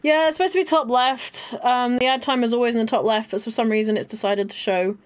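A woman's voice: on the high side, fast talker, smooth. A woman streaming a game, chatting casually with viewers and a friend and laughing often. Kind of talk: casual live-stream chat while gaming.

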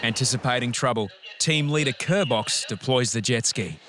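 A man's voice: mid-range voice, moderate pace, fairly bright tone, slight background noise. A man reading scripted narration as the narrator of a documentary series about lifeguards.

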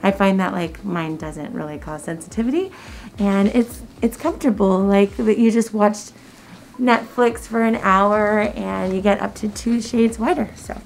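A woman's voice: medium pitch, a little slow, gravelly, slight background noise. A woman dentist talking through a face mask, explaining treatment to a patient in an easygoing, chatty way with many filler words. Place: dental office.

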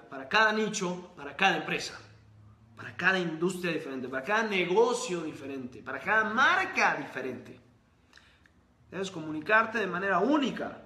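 A man's voice: sits high, sharp tone. A man hosting a live stream, giving an emphatic motivational talk and answering viewer comments in long repeated lists. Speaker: host of a live stream on sales and reading. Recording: echoey room.

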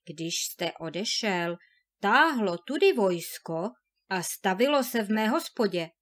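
A woman's voice: medium pitch, animated, a bit bright, pitched below the performer's own voice, close to an everyday voice. A woman doing an apologetic old innkeeper. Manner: slow, apologetic, explaining. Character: anxious village innkeeper, older man. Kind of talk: fairy tale read aloud.

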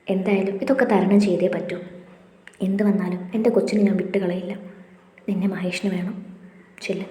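A woman voicing a gentle young man who calmly reassures his girlfriend, speaking softly. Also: a little fast, close to an everyday voice. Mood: soft firm. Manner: soft, reassuring, low-key. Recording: echoey room with long reverb.

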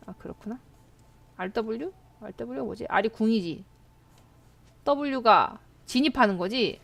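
A young woman with a high, bright voice commentates her game live. Her pitch jumps all over the place, and she turns excitable, letting out shrieks and laughs whenever something startles her. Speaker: game streamer.

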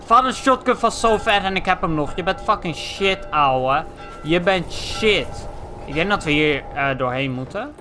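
A young man from the Netherlands giving excitable, foul-mouthed let's play commentary, tossing in English slang. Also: high voice, a little slow, over music. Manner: excitable, swears a lot, drops English slang. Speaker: gaming channel host.

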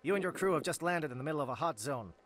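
Male actor as alien military captain, very fast and clipped, higher-pitched, game dialogue over background noise. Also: animated, natural voice. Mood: urgent, businesslike. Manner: clipped, military, matter-of-fact. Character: brisk male alien special forces captain. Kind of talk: scripted video game dialogue.

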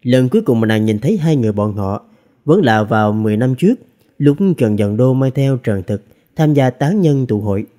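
A man narrating a fantasy novel as an audiobook reader, with expressive storytelling. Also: mid-range voice, fairly quick.

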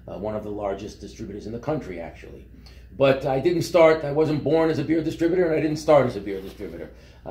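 A man, telling his life story in a relaxed, rambling way with many fillers and restarts. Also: medium pitch, roomy sound, slight background noise. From Brooklyn, New York. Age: 70s. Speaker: company founder. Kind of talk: interview storytelling. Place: office meeting room.

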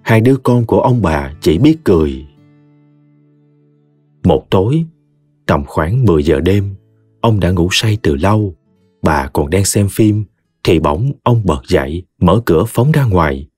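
Husky delta guy telling a funny story, lowish lively voice, dry, soft music behind. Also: unhurried, long pauses, no room sound. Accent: Mekong Delta Vietnamese. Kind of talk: humorous story narration.

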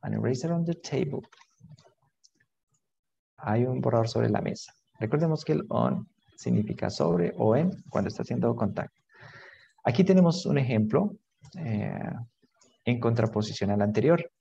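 A man's voice: medium pitch, animated, moderate pace, creaky, warm tone, breathy edge, lo-fi sound. A man teaching an online English grammar lesson, patiently repeating words and switching between English and to explain.

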